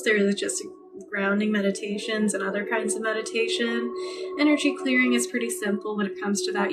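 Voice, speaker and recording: A woman hosting a live reiki healing stream, chatting casually and gently with viewers and thanking them by name. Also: mid-range voice, distant mic. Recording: music playing behind, voice a bit off-mic.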